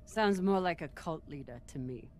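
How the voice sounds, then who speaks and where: An actress playing a stern, composed space captain in a video game, measured and commanding. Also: female voice, low-pitched, expressive, darkish tone, soft background music. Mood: composed, guarded.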